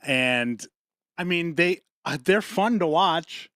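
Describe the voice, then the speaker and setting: A man co-hosting a podcast in casual chat, rambling and swearing often, with quick laughs between points. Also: fairly high pitch, animated, pushed and bright, no room sound, studio quality. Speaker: podcast co-host.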